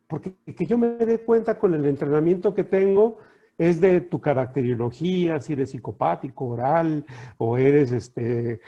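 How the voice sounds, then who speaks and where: A middle-aged man with a Mexican accent speaks calmly and reflectively, often posing questions to his listeners. His voice is deep-toned and mellow, a little high for a man, with a breathy, husky edge. The sound comes through a dull, lo-fi video call. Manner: calm, reflective, poses rhetorical questions. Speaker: coach giving a talk. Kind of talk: reflective talk to trainees.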